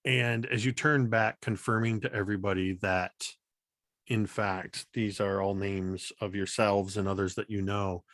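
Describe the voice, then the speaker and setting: Low-voiced, slow-paced male game master. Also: little pitch movement, fairly bright tone, dry recording, clean studio sound. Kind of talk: narrating a tabletop role-playing game.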